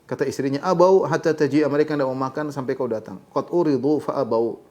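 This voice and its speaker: A middle-aged man giving a religious lecture, reciting short Arabic passages and then explaining them in an animated storytelling way. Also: medium pitch, fast. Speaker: Islamic teacher.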